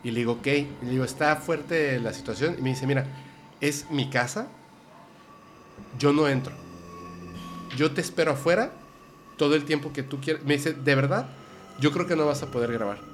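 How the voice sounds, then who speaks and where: A man's voice: on the high side, normal speed, pauses often, slight background noise. A man with a Mexican accent hosting a podcast, chatting casually and retelling conversations with friends. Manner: animated storyteller, quotes friends. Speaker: podcast host. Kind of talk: casual chat.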